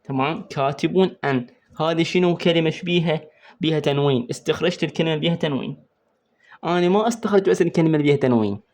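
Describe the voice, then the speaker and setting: Speaking with an Iraqi Arabic accent, a man whose voice is fairly high yet darkish in tone teaches Quran recitation rules for an exam. He writes on a board while explaining, questioning the student and going back over the main points slowly.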